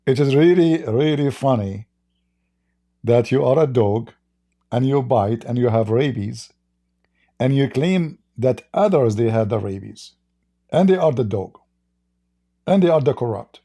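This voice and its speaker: A man's voice: mid-range voice, animated, a little slow, pauses often, dark tone. A man who is a non-native English speaker, hosting casual live commentary in a mocking, repetitive way. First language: not English. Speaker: online show host.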